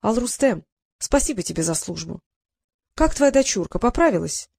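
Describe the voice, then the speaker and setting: A woman's voice: mid-range voice, big pitch swings, moderate pace, creaky, a little mellow, husky, dry recording, clean studio sound, exaggerated voice. A woman voicing a mild, sly sultan. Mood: gently commanding. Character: soft-spoken, yielding, gently cunning sultan, man.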